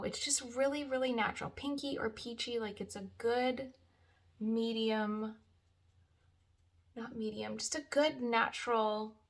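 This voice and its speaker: A woman's voice: on the high side, vocal fry. A young woman chatting casually through a makeup tutorial, gushing about products with lots of fillers. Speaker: beauty vlogger.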